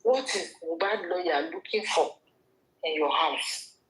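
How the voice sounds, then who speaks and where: A woman's voice: on the low side, a little slow, a bit bright, poor audio. A woman with a Nigerian accent giving an opinion commentary vlog, scolding the person she talks about and addressing her directly. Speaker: gossip commentator.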